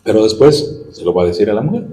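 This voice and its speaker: A man's voice: lowish voice, big pitch swings, quick pace, dark tone. A man teaching a Bible class in a conversational way, using fillers and tag questions and acting out quoted speech in a raised voice. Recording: echoey room.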